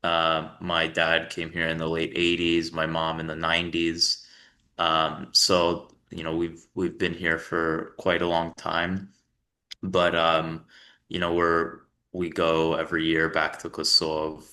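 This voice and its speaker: A young company founder from New York appears as a guest in a casual podcast interview, talking in an easygoing, rambling way full of "um"s and restarts. His very low voice stays level and unhurried, with a bright, forceful edge.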